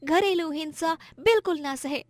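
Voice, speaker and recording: A woman voicing an admiring village woman who earnestly praises the heroine in an animated story. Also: high voice, moderate pace, no echo, voice pushed up, close to an everyday voice. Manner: earnest, encouraging.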